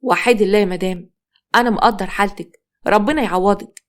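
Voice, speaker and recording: A woman with an Egyptian accent reading a doctor who delivers bad news gravely and plainly. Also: medium pitch, quick pace, natural voice. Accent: Egyptian Arabic. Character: somber hospital doctor, a man.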